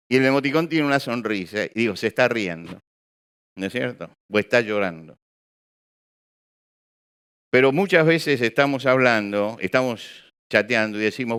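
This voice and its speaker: Animated, clear-voiced male preacher. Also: mid-range voice. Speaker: pastor. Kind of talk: sermon. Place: church or hall with an audience.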